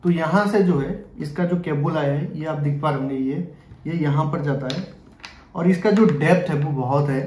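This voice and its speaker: A young adult man reviewing products gives a casual, repetitive hands-on demonstration to camera, slipping English words into his speech. His voice is fairly high and a little mellow, with slight background noise and a roomy echo from the small indoor bedroom where he records.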